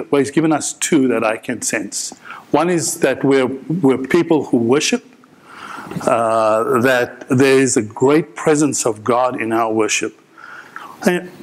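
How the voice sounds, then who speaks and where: A middle-aged man preaching a sermon in a large church hall, earnest, repeating key phrases and restarting his sentences. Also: medium pitch. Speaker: pastor.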